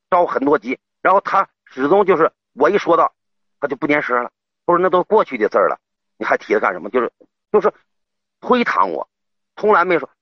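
A man calling in to an advice show, telling his story in a halting way, stammering and repeating himself. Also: on the high side, no echo. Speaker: caller. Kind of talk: emotional call-in confession. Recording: dull lo-fi call audio.

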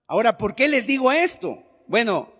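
A man's voice: very high-pitched, big pitch swings, normal speed, fairly bright tone, husky, big-room sound. A man preaching a sermon, emphatic, asking many rhetorical questions and acting out the voices he quotes.

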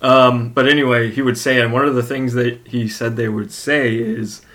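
A man's voice: medium pitch, little pitch movement, moderate pace, a bit bright. A man co-hosting a podcast, chatting casually, rambling and joking with frequent laughs. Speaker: podcast co-host. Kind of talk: casual chat.

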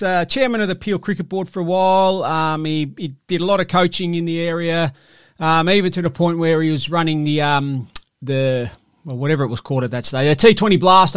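An Australian man with a fairly high voice hosts a casual sports podcast. His talk is colloquial and matey, with some teasing. The sound is dry, with very little room in it. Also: fairly bright tone, clear, resonant tone, no room sound. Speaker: podcast host.

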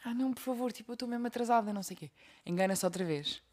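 A young woman with a European Portuguese accent, co-hosting a casual podcast and telling stories in an animated way, acting out the voices she quotes. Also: on the high side, racing. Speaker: podcast co-host. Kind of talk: casual chat.

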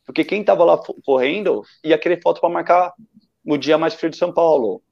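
A Brazilian photographer who shoots running events appears as a podcast guest, telling enthusiastic, rambling stories in casual chat. He speaks with a Brazilian Portuguese accent in a creaky, slightly high voice at a fairly quick pace, and the lo-fi recording sounds dull.

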